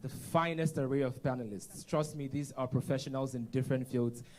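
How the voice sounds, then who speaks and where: A man co-hosting a conference on stage, telling stories with lively acted-out voices. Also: mid-range voice, a little fast, a little hiss or hum. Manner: animated storyteller, acts out voices. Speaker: conference co-host. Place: conference stage before an audience.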